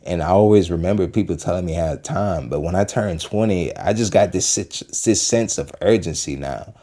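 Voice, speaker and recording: This is a video host in his twenties, from Western Pennsylvania, giving a rambling, casual motivational take on urgency in life while reacting to a clip. He uses many fillers and repeats himself. His voice sits low and dark at a moderate pace.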